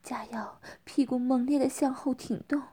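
A woman narrating an erotic audio story in a soft, hushed whisper. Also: high voice, steady tone, moderate pace, husky.

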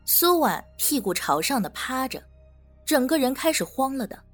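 Woman telling a story, breathy voice, lots of up and down, faint music. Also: high-pitched, moderate pace. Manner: expressive storytelling. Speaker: narrator. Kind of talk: audio drama narration.

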